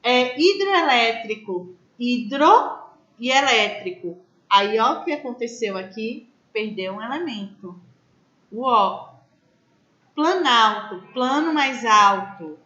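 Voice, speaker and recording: A woman's voice: on the high side, animated, slow pace, sharp tone, echoey room, muffled recording. A woman teaching a grammar class, explaining step by step and asking her students questions. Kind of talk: online class lecture.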